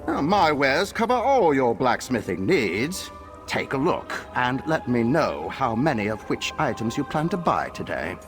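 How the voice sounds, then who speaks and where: Lively blacksmith merchant. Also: male voice, mid-range voice, measured pace, over music. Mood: businesslike. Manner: businesslike sales patter. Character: businesslike male blacksmith merchant. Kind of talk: video game character acting.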